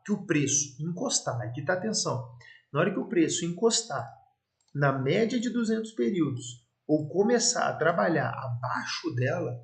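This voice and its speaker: Emphatic Brazilian man teaching investing. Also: on the high side. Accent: Brazilian Portuguese. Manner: energetic, emphatic, repeats phrases for stress. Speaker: investment educator. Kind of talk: casual online lesson walking through charts.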